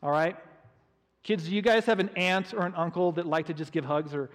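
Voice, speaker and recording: A pastor preaching a sermon, telling the story in an animated way with frequent restarts. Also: male voice, sits high, a little fast. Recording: reverberant hall.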